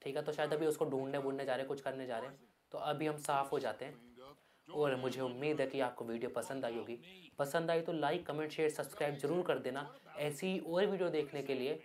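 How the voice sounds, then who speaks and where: Hyped man yelling over gameplay. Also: on the high side, steady tone, fairly quick. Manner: loud, hyped, yelling at the game. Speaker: gaming YouTuber. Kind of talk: excited Hindi gameplay commentary.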